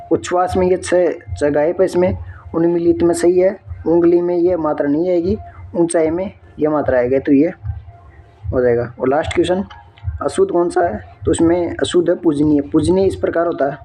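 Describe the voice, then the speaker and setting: A man's voice: a little high, warm tone, slightly rough. A man working through an exam answer key step by step, often checking in with his viewers. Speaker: exam tutor.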